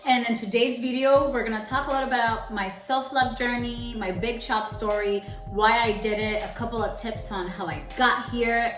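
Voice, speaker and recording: A young woman from Cuba co-hosts a podcast and tells a personal story in a casual, candid vlog. Her voice is fairly high and the sound is roomy. She's chatty, shifting between quick phrasing and slow, emphatic lines.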